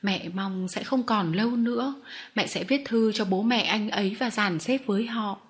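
A gentle, gracious lady and mother from a storybook, as a woman reading the story voices her. She speaks softly and reasons patiently, at an ordinary pitch, and sounds kindly throughout. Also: normal speed, natural voice. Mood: soothing.

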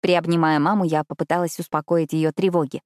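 Audiobook: young woman narrating a romance, lowish voice, dry close sound. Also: level tone, a little fast, darkish tone, no room sound. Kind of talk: first-person audiobook narration.

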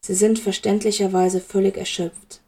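An old wizard headmaster, calm and unmoved, as a woman reads him aloud. He speaks softly and evenly, with a slight gravel in the voice. It sounds like a fan fiction audiobook. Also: mid-range voice, moderate pace. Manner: calm and soft-spoken.

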